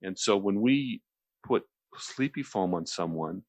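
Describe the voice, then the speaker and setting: A radio show host with a deep voice explains a relaxation technique in a close, dry recording. His conversational delivery is expressive and measured in pace, wandering a bit and often repeating a phrase before he moves along.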